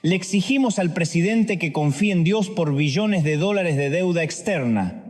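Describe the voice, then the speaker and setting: A male preacher delivers a sermon in a rather high voice. He works through rapid, dramatic rhetorical questions. A long reverb trails after his words. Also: expressive, darkish tone, soft background music.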